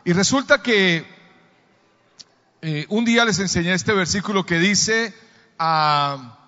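High-voiced pastor man preaching. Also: expressive, takes it slowly, sharp tone. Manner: storytelling, calls for audience responses. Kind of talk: sermon. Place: church hall. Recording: dull sound, long reverb in a church hall.

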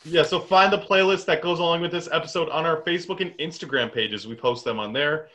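A man's voice: on the high side, fast, pushed and bright. A man co-hosting a podcast, upbeat and teasing in casual chat. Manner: upbeat, teasing, laid-back. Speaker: podcast co-host.

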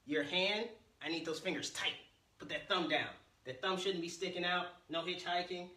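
A man teaches a children's martial arts class in a high-pitched, very sharp and forceful voice. He talks like a playful kids' entertainer, teasing, encouraging and calling out commands. The sound is echoey, picked up from across a room. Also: moderate pace. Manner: energetic counting and barked commands. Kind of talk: livestreamed kids' exercise class, call-and-response instruction. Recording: roomy echo, distant from the mic.

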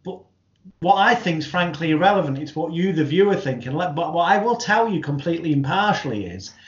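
Higher-pitched man in an echoey room. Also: animated, brisk. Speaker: interview host, hypnotherapist. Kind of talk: conversational interview commentary and explanation. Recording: echoey room, dull lo-fi audio.

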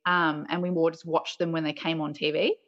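A woman's voice: deep voice, level tone, fairly quick, fairly bright tone, muffled recording. A woman chatting casually as a podcast guest, playful and giggly, sprinkling her talk with "like". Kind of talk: casual chat.

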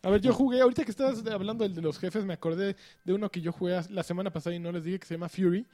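Mexican guy, pretty high mellow voice, chatting games on a podcast. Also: rapid-fire. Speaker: podcast co-host. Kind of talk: casual video game chat.

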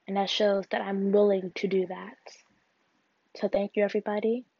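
A woman's voice: medium pitch, flat delivery, vocal fry, a little mellow, slightly rough, no room sound. Earnest young woman, dull dry recording. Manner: earnest, halting, with restarts. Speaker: podcast host. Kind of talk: solo personal podcast reflection. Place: alone at home.

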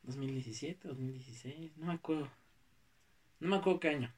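A young man with a Mexico City accent tells stories in loose, slangy, animated chat, voice set back from the mic. A faint hiss runs under the recording. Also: fairly high pitch, a little fast, recorded from a distance. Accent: Mexico City Spanish. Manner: slangy, animated, acts out quotes. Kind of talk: casual chat, storytelling.

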